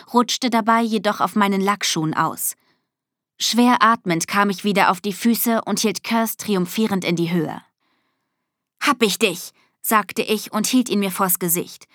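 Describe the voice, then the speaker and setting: A woman reads a first-person novel aloud with lively energy, jumping to high, agitated pitch when her heroine speaks. Her voice is close to the mic in a dead, dry booth with no echo. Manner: lively, with high, excited outbursts in dialogue. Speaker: audiobook narrator.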